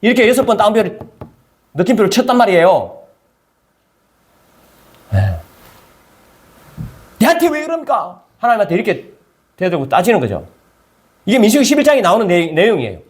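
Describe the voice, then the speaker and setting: A male pastor delivers a conversational sermon and keeps asking the listeners questions. His voice sits high for a man. His pitch jumps around with lots of movement. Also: brisk, long pauses. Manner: conversational, animated, asks the congregation questions.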